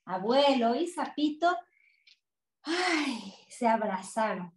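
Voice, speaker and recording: A woman with a Mexican accent reading a picture book aloud to children, expressive and asking them questions. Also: high voice, measured pace, a little hiss or hum. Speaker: children's storyteller. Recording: echoey room.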